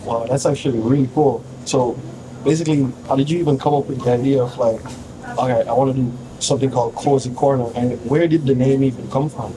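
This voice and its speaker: A man's voice: medium pitch, steady tone, fast, noisy background. A man hosting a casual podcast interview, asking curious, upbeat questions. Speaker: podcast host. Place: café. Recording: crowd chatter behind. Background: café crowd chatter.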